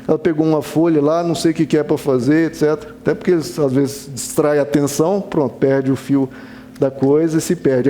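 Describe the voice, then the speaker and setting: A man's voice: a little high, mellow. A man preaching a sermon as a pastor, earnest and conversational, acting out little dialogues.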